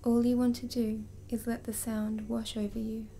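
A woman hypnotist leading a slow, soothing induction, drifting in and out of a whisper. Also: a little high, little pitch movement, gravelly, dark tone.

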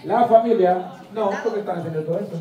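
Man, Salvadoran accent, quiz show host, teasing and jokey, high-pitched, distant echoey hall recording. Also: quick pace, highs cut off. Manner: joking, teasing, laughs often. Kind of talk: lively quiz show hosting. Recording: echoey, distant mic, loud crowd.

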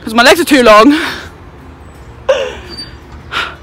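A woman's voice: high voice, drawn-out words, fairly bright tone, slight background noise. Breathless young woman vlogging. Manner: chatty, swearing, frequent laughs. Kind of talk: casual vlog chat. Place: outdoors in a town park. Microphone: handheld phone.

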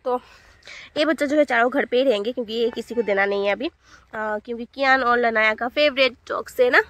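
A woman's voice: on the high side, a little fast, fairly bright tone, no room sound. Chatty, fond woman vlogging at home. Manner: chatty, fond, repeats words affectionately. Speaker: vlog host and mother. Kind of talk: casual family vlog narration.

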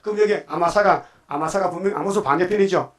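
A man preaching with a fairly high voice. He is emphatic and keeps firing rhetorical questions at his listeners. He slips into quoted voices as he tells the scripture stories. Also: quick pace. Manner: acts out quoted voices of God and the devil. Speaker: pastor. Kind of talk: sermon.

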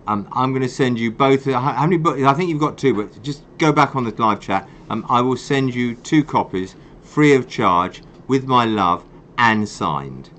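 A man's voice: medium pitch, expressive, normal speed, few pauses, a bit bright, a little hiss or hum. A man hosting a live stream for a wildlife charity. He talks with passion and ranting zeal and pokes fun at himself. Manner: passionate, ranting, self-mocking.

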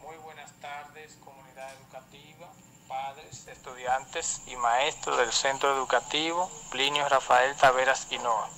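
A man's voice: medium pitch, fairly even intonation, unhurried, poor audio. A male school director with a Dominican accent, heard in a phone voice message played on air, making a stiff official announcement. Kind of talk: formal announcement.

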